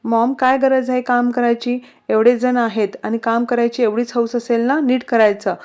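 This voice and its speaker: A woman's voice: fairly high pitch, flat delivery, moderate pace, darkish tone, lightly acted. A woman voicing a protective young husband, muffled. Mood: angry. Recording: slightly muffled recording.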